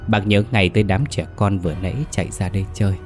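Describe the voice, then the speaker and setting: A man narrating a ghost story in a steady, dramatic telling. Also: deep voice, fast, faint music behind.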